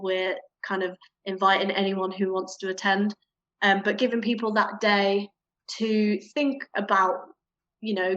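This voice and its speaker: A woman's voice: medium pitch, a bit bright. Young woman podcast guest, talks on and on with ums, muffled lo-fi sound. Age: young adult. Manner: rambling, many "um"s, laughs at herself. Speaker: youth advisor, podcast guest. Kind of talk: casual podcast chat.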